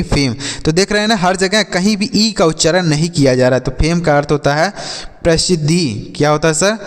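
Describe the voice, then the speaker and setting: Male teacher, a little high-voiced, asks questions and answers them himself, reverberant room. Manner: spells words letter by letter and answers his own questions; addresses viewers as friends. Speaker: English teacher. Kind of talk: classroom-style lesson.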